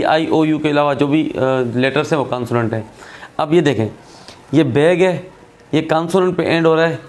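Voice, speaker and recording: Male tutor, slightly high voice, patient and repetitive, for a recorded spelling lesson. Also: a little mellow. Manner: patient, repeats points, checks in with "theek hai". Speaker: English teacher.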